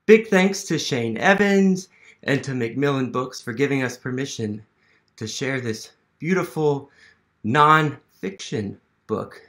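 This is a medium-pitched, expressive, slightly bright male voice at a slow pace. The speaker, an American in his thirties who works as a museum literacy educator, reads aloud to children indoors in a small living room, asking questions and encouraging them.

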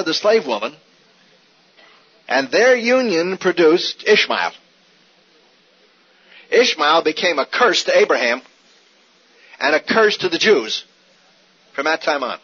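A man with a fairly high, husky voice teaches Scripture as a Bible teacher in a sermon. Animated throughout, he asks rhetorical questions and keeps repeating key points, heard on a dull older recording.

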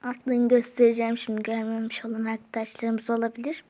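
A young woman giving casual gameplay commentary, often frustrated and muttering to herself to stay calm. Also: on the high side, fast. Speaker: gameplay video creator.

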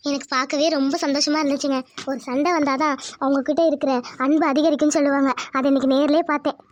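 A woman's voice: high voice, flat delivery, fast talker, a little hiss or hum, lightly acted. A woman voicing a frightened young village wife in a cartoon. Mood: content. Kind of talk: cartoon voice acting.

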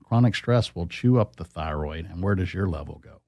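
A man's voice: low-pitched, lively intonation, normal speed, dark tone, no room sound. A man, a doctor as guest expert, explaining in a teacherly way and quizzing the host with questions. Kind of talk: explanatory interview.

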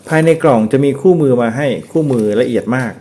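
Casting: male reviewer, mid-pitched, relaxed walk-through of a home camera. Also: fast, slight background noise. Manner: relaxed, explains step by step with frequent polite particles. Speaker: product reviewer. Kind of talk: casual product review.

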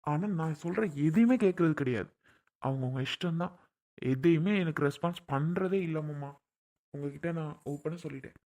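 A man's voice: fairly high pitch, normal speed, dark tone, lightly acted. A man playing a stubborn young husband in a family drama skit, arguing and complaining to his father-in-law. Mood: resentful. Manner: argumentative, complaining.

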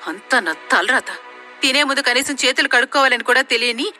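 A woman voicing a proud young woman, a priest's daughter, who talks in a scornful, sharp-tongued way. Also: high-pitched, lively intonation, a little fast, faint music behind, full character voice.

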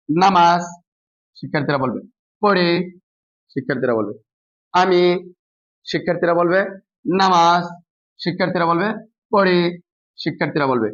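High-voiced man teaching reading aloud. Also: lo-fi sound. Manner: slow drawn-out spelling demonstrations with quieter low asides. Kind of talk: spoken classroom lesson demonstration.

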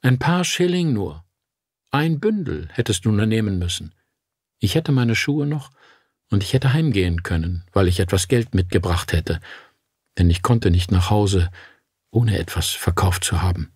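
Husky vengeful ghost girl put on by a man, quiet and accusing, bone-dry. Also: on the low side, lively intonation, normal speed, no room sound. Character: vengeful ghost of a pale little match girl.

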